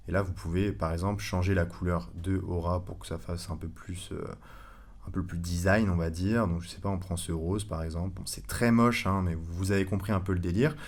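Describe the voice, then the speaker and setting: A man giving a casual screen-recorded tutorial, chatty and relaxed, with many fillers and self-corrections. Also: low voice, a little fast. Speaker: online course instructor.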